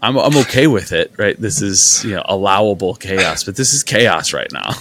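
A man's voice: sits low, expressive, normal speed, fairly bright tone. A young man hosting a podcast, telling a rambling, chatty story in a casual way with lots of fillers. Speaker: podcast host. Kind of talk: casual chat.

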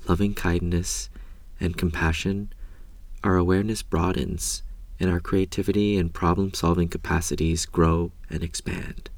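A man leading a guided meditation in a calm, gentle, measured way, with a soft voice that turns breathy at the ends of phrases. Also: low voice, no echo. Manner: calm, gentle, measured delivery with long pauses. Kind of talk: slow guided meditation narration.

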